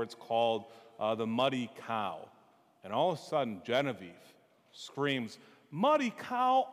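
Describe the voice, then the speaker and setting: A man's voice: mid-range voice, in a large hall. A young man giving a homily, telling a personal story in a playful, storytelling way and acting out the voices of the people in it. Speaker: priest.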